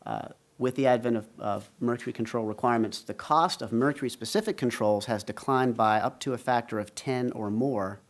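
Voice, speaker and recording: A man presents at a policy panel in a steady, mid-pitched voice. He walks the audience through his slides point by point, measured and deliberate. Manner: measured, explains slide graphs. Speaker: panel speaker. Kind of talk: conference presentation.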